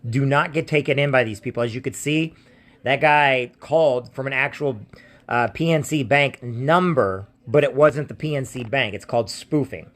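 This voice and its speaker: A mid-range, slightly bright American male voice at normal speed. Playing an identity theft protection seller in a scam-warning video, he's plain-spoken and insistent, repeating himself in casual warnings to viewers and on the phone.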